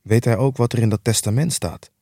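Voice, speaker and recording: A man voicing a cautious, troubled lawyer who speaks in a measured way and muses aloud, in a book reading. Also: medium pitch, warm tone, no room sound, clean studio sound, lightly acted. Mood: guarded. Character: cautious, troubled middle-aged male lawyer.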